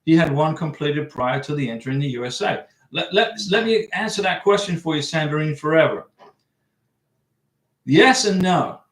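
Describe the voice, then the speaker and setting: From a room in his home, an American host chats about visas on a livestream, reading and answering comments in a casual, rambling way. His slightly high voice is expressive at a moderate pace, with a roomy sound.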